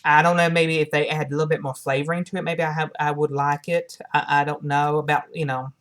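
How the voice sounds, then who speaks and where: With little pitch movement in her low voice, a woman talks her viewers through a casual product review. She pauses and backtracks, repeating and rewording lines.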